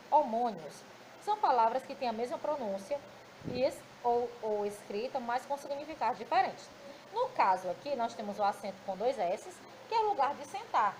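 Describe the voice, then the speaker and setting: Patient Brazilian schoolteacher, high voice, faint room noise behind her. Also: darkish tone, rough recording. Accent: Brazilian Portuguese. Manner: patient, explaining, frequent checking "certo?". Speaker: teacher. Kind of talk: recorded grammar lesson for children. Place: classroom.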